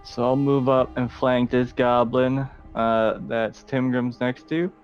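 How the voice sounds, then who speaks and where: A man's voice: mid-range voice, steady tone, takes it slowly, soft background music. Man on a dull lo-fi mic. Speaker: player. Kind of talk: casual tabletop game play.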